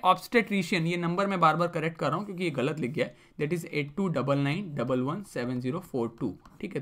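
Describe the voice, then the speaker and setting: A man's voice: sits high, pushed and bright. A male teacher giving a vocabulary lesson, mixing English terms into Hindi and asking the class questions he then answers himself. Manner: explains with repeated rhetorical questions.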